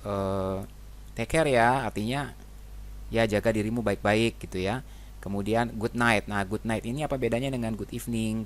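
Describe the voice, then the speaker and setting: A man with a somewhat low voice explains everyday phrases as a teacher. He talks in an easygoing, chatty way and keeps checking in with his listeners. A faint hum sits underneath. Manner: relaxed, conversational, frequent tag questions. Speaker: English teacher. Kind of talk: casual explanatory lesson.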